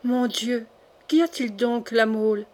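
A woman's voice: fairly high pitch, unhurried, darkish tone, lightly acted. A woman reading the lines of a frightened young queen pleading with her lover in an audiobook.

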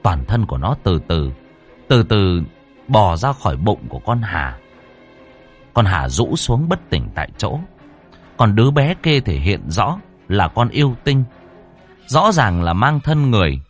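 A man's voice: fairly low pitch, very animated, a little slow, faint music behind. A man reading a ghost story aloud with a dramatic, swooping delivery.

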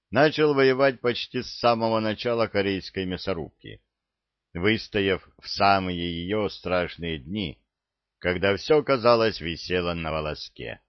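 Low, slow male audiobook narrator. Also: no echo, highs cut off. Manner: measured, steady storytelling.

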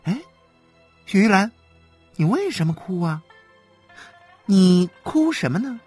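An audiobook reader voicing a neighbor who gently coaxes and persuades, with soft music behind. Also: medium pitch, very animated, takes it slowly, breathy edge, voice pushed up, heavily acted. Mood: coaxing. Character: coaxing nosy neighbor. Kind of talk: audiobook character voice.

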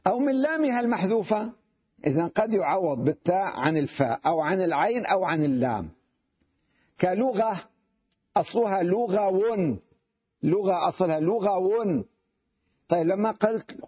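Male sheikh, grammar lecture, fairly high husky voice, keeps asking if it's clear, dull lo-fi recording. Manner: checks understanding with frequent rhetorical questions; reads a line from the text, then explains it step by step. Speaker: sheikh teaching Arabic grammar.

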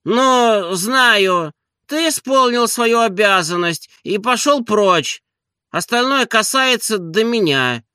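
A man voicing a lazy, sleepy landowner who is hoarse and petulant. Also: high-pitched, animated, slow, sharp tone, no echo, studio quality, voice pushed up, heavily acted. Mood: irritable. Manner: whiny, petulant.

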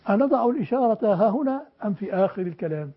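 An older male teacher lectures a classroom, his husky voice sitting unusually high. He presses his students with questions and drives each point home emphatically. The recording is dull and lo-fi. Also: expressive, racing. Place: classroom with a board.

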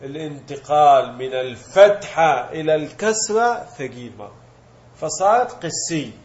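In a dull, lo-fi recording, a man with a fairly high, darkish voice teaches an Arabic morphology lesson at a measured pace with lively intonation. He explains step by step, poses questions and answers them himself, and blends colloquial Gulf Arabic with classical terms.

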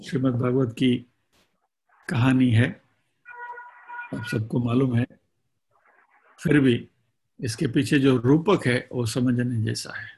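A man giving a spiritual discourse, retelling a scripture story slowly and deliberately, with pauses between phrases. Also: medium pitch, fairly even intonation, a little mellow, husky. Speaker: spiritual teacher.

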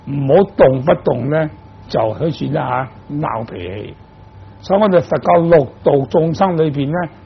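A man's voice: a little high, gravelly, slightly rough, muffled recording. An older man from Guangdong, a Buddhist monk giving a sermon, explaining patiently and posing rhetorical questions to his listeners. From Guangdong, China. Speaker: Buddhist monk teaching dharma.

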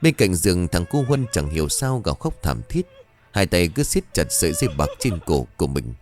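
A man narrating a scripted horror story in a slow, suspenseful reading voice. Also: low-pitched, huge pitch swings, darkish tone. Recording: music bed behind the voice. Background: faint music.

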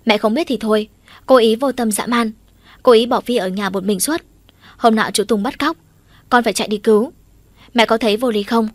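A woman's voice: a little high, a little fast, long pauses, dry recording, close to an everyday voice. A playful young man of twenty who clings to his mother and pesters her, played by a woman reading an audiobook. He whines, pleads and teases. The sound is dry and close to the mic. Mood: indignant. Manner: whiny, pleading, teasing.

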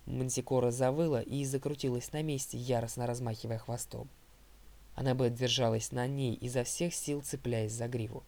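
A man narrating an audiobook in a steady, first-person storytelling manner. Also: medium pitch, normal speed.

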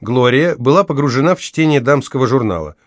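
A man reading an audiobook in steady, scripted narration. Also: mid-range voice, a little fast, no echo, studio quality.

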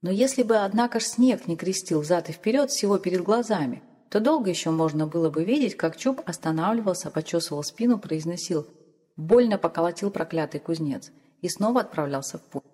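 Brief: female audiobook narrator, mellow and even, long reverb. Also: lowish voice. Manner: measured, even storytelling. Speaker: audiobook reader. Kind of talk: scripted literary narration.

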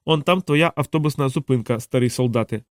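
A man voicing a kindly male alien pilot, speaking in a hushed whisper. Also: mid-range voice, brisk, no echo, studio quality, lightly acted.

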